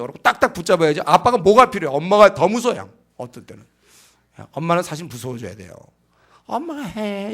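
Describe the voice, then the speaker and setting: A man's voice: high-pitched, vocal fry, fairly bright tone. A man preaching a lecture-style sermon on raising children, emphatic and full of rhetorical questions to the congregation. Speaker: pastor.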